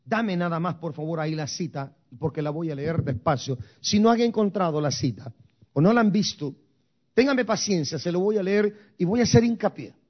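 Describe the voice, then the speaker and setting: Emphatic high-voiced preacher man. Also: lively intonation, normal speed, highs cut off. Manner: emphatic, addresses the congregation directly; slips into English phrases. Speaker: pastor. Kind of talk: sermon.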